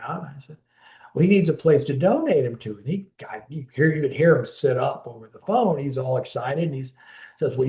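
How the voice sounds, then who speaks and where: A man's voice: a little high, warm tone, reverberant. A man in his fifties telling a long story in a casual oral-history interview, rambling with restarts and acting out quoted dialogue. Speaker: interviewee recalling a friend.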